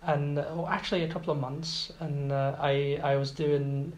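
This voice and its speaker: A man in his twenties from Iraq is a guest in a casual interview, speaking at a moderate pace in a slightly high, flat voice. He hesitates a lot, with many fillers and restarts. The recording has a roomy echo and faint background noise.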